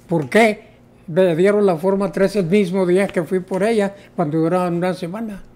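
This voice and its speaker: A man's voice: sits high, fairly even intonation, normal speed, a little mellow. An older man, telling his personal testimony as an interview guest, hesitant, with many fillers. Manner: storytelling, hesitant with repeated fillers. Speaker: interview guest, former co-pastor.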